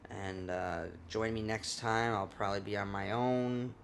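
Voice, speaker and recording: A man's voice: on the low side, steady tone, measured pace, a little hiss or hum. A man hosting a casual podcast, talking loosely and joking, swearing now and then. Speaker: podcast host.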